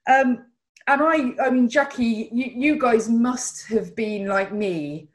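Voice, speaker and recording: Bristol woman w/ west country accent chatting politics, animated n informal, bit echoey like a video call. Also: a little high, slow. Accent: West Country English. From Bristol, England. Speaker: host. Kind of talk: casual political discussion.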